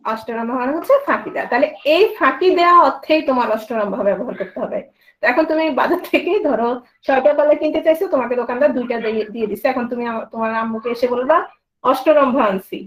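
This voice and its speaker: A woman with a high voice and a Bangladeshi Bengali accent teaches a grammar class. She keeps asking her students questions and then answers them herself. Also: animated, racing, poor audio. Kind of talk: grammar lesson.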